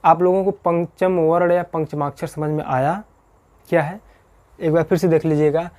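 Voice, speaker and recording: A man's voice: a little high, fairly even intonation, normal speed, darkish tone. A male teacher explaining a grammar lesson at a board. He keeps checking in with "theek hai", asks the class questions, answers them himself and repeats each point.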